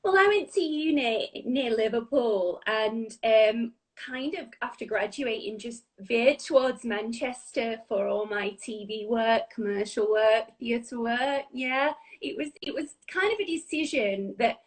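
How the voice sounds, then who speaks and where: Young Yorkshire woman, high bright voice, bubbly guest on a video call. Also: measured pace, hardly any pauses. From Yorkshire, England. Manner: bubbly, warm, laughs often. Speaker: guest, actor and presenter. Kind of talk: casual video-call chat. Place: bright room at home.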